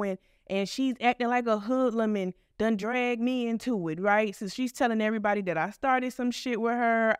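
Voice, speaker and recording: Woman host, blunt and profane storyteller, smooth tone, mid pitch. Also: dry recording, clean studio sound. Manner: blunt, profane, animated retelling. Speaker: podcast host. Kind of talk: casual storytelling.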